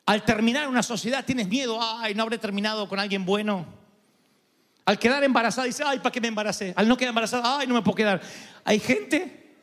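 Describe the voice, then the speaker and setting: Argentine male pastor, high voice, lively sermon delivery with playful imitations, big echoing hall. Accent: Argentine Spanish. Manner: animated, imitates voices and goose honks for humor. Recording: long hall reverb.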